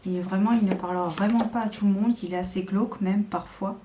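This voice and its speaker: A woman's voice: medium pitch, fairly even intonation, quick pace, background noise. A woman showing tarot decks to camera in a casual, hesitant chat full of fillers and restarts. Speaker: tarot video creator.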